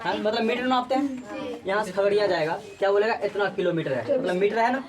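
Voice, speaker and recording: A woman's voice: medium pitch, fairly quick, crowd noise. A woman teaching a physics class, drilling students with repeated call-and-response questions. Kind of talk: classroom lecture.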